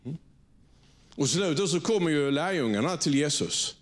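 Preaching a sermon before his congregation at church, this man talks conversationally, frequently seeking agreement, starting sentences over and repeating words. He sits on the high side with lively intonation.

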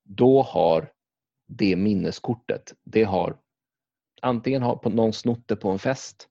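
A man's voice: on the low side, vocal fry, warm tone, dry recording, highs cut off. A man chatting casually, rambling through stories with lots of fillers, restarts and swearing. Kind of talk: casual chat about video games.

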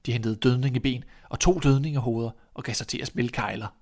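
A man reads a fairy tale aloud at a mid pitch. His telling is calm and measured, paced for listening. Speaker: narrator. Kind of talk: storybook reading.

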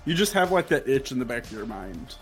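A man's voice: mid-range voice, sing-song, a little fast, fairly bright tone, soft background music. Man running a tabletop game. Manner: rambling, heavy use of "like". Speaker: game master.

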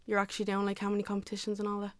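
A woman's voice: mid-range voice, monotone, very fast, no echo. A young woman who cheers and coaches, answering interview questions casually and saying "like" constantly. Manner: filler-heavy, says "like" constantly.

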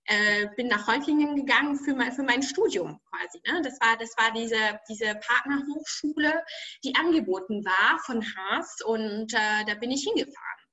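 A woman's voice: on the high side, expressive, a little slow, bright, forceful tone, lo-fi sound. A young woman from France, a guest in a casual interview, talking hesitantly with many fillers and restarts.

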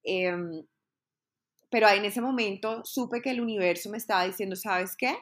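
A woman's voice: medium pitch, normal speed, fairly bright tone. A young adult woman, telling a personal story in a candid, earnest way and repeating words for emphasis.

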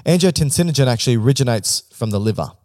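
A man's voice: mid-range voice, expressive, racing, darkish tone, dry recording, studio quality. A man co-hosting a podcast, explaining a topic step by step in an informal, joking way. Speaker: podcast co-host. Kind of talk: casual explanatory chat.

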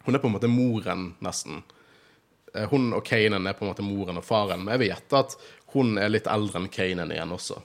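A man with a Bergen accent, hosting a podcast in casual chat, talkative and laughing often. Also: on the low side. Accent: Bergen Norwegian. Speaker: podcast host.

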